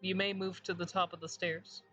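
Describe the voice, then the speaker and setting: A man improvising in character during a tabletop role-playing game, measured and matter-of-fact. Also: sits high, level tone, pushed and bright, muffled recording, faint music behind.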